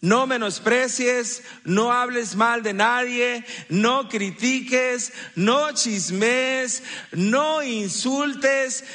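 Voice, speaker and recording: This pastor's voice is extremely high and extremely slow, bright and forceful in tone. He mixes jokes into his sermon, acting out people's lines as he teaches, and the live reverb of a church hall surrounds him.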